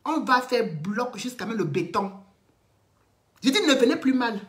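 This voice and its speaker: A woman, ranting defiantly on a live stream, repeating herself and swinging from loud declarations to low muttered threats. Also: lively intonation, moderate pace. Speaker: online commentator. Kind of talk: impassioned live-stream rant.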